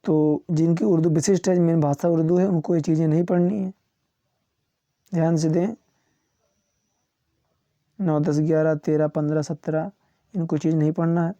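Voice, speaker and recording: A man teaching as a coaching tutor, walking students through which topics to skip. He lists them one by one with small chuckles and slows down to read English titles. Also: a little high, flat delivery, dark tone, dry recording, highs cut off. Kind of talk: syllabus walkthrough for students.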